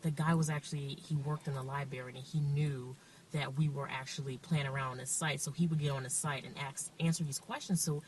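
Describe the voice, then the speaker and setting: Woman, 30s, low register, hesitant interview subject; distant mic, faint music bed. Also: fairly even intonation, a little fast, darkish tone, a little hiss or hum. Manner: hesitant, many ums. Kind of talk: documentary interview.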